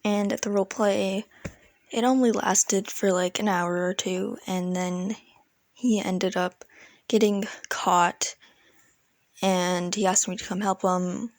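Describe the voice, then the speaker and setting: A storytelling video creator rambles through a casual storytime about an online roleplay game, using informal, youthful slang. Her medium-pitched, darkish voice is steady and slow, recorded in studio quality with no room sound.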